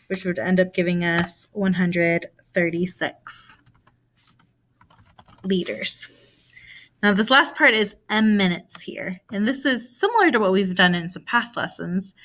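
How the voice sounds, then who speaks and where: A woman with a bright, clear voice talks through a math word problem in a recorded video lesson. She is patient and steady, posing questions aloud and then answering them herself. Her pitch sits in a middle range for a woman. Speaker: math teacher.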